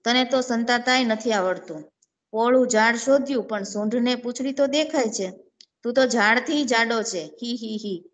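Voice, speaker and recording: A woman's voice: a little high, normal speed, lightly acted. A woman doing a teasing little ant girl. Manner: giggly, teasing, cries for help when falling.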